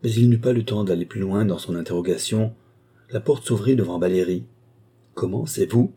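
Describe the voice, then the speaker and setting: Low, husky male audiobook narrator. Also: fairly quick, mellow. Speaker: audiobook reader. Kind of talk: scripted narration.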